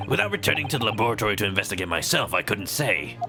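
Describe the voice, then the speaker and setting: Man as a low-voiced, apologetic professor. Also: big pitch swings, very fast. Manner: formal, deferential. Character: polite, apologetic older male university professor. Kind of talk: dramatic reading of video game dialogue. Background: game music.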